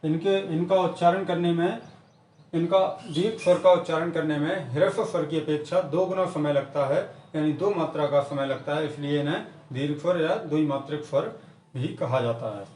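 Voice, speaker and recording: A man teaching an exam-prep grammar lesson, repeating each definition slowly and methodically. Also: fairly high pitch, darkish tone, roomy sound, far from the mic, a little hiss or hum. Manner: repetitive, drills definitions slowly.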